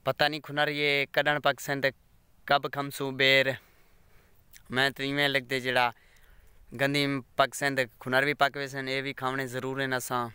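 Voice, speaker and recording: A man's voice: medium pitch, monotone, unhurried, pushed and bright, smooth, no echo. A man with a Saraiki accent, vlogging casually from outdoor farm fields on a phone camera and rambling on to his viewers. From Pakistan. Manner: rambling, chatty, keeps asking viewers to subscribe. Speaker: village vlogger. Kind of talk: casual walking vlog.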